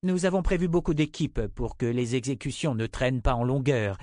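A man reading an audiobook, voicing a cold, composed woman who rules as mother confessor, in a raised, measured voice. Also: medium pitch, darkish tone, dry recording, clean studio sound, pitched above the performer's own voice, lightly acted. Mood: coldly calm. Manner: icy, unshakably composed.

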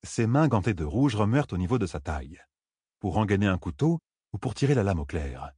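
A man reading a fantasy audiobook aloud with measured, dramatic delivery. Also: on the low side, very animated, warm tone, breathy edge, no room sound, clean studio sound. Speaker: audiobook narrator.

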